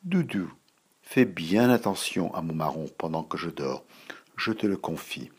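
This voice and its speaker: A man voicing an eager little boy in a spoken storybook, raising his voice high and bright. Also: expressive, unhurried, breathy edge, exaggerated voice. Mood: gentle.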